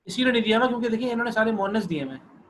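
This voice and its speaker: A man's voice: high voice, lively intonation, slight background noise, poor audio. A man teaching an online Arabic class, patient, often repeating and checking that students follow.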